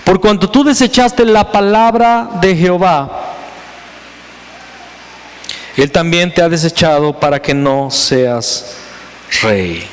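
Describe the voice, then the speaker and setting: A man's voice: fairly high pitch, lively intonation, takes it slowly, pauses often, clear, resonant tone, in a large hall. A man preaching a sermon as pastor, building up to emphatic, intense passages. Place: church sanctuary.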